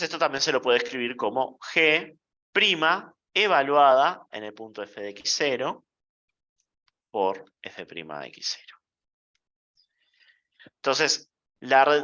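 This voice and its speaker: Speaking in a mid-range voice, a male university lecturer explains math at a slow, playful pace and pauses to make sure the class is following. His tone is bright, with plenty of rise and fall. The audio, captured in a classroom, sounds dull and lo-fi.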